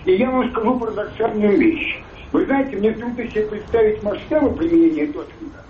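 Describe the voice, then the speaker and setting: A man in his fifties calling in to a talk show, speaking in an earnest, measured way. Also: high voice, slight background noise. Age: 50s. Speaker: caller. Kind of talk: call-in comment. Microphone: telephone. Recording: tinny echoey phone line.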